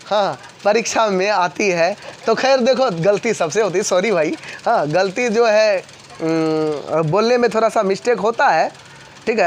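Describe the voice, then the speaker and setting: Guy teaching a coaching class, talks quick and keeps asking the kids to repeat stuff back, little bit of traffic hum behind. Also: sits high. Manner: fast, repetitive call-and-response questioning. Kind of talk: classroom physics lesson.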